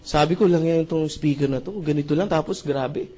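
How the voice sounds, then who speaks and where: A young Filipino man giving a motivational business talk, telling a personal story with animated acted-out dialogue and frequent questions to the audience. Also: on the high side, a little fast. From Philippines. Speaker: motivational speaker.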